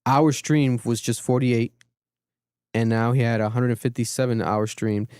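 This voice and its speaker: A young man hosting a casual podcast, telling stories in an animated way and acting out what other people said. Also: mid-range voice, normal speed, smooth, no echo, studio quality. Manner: animated storytelling, acts out quotes. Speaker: podcast host.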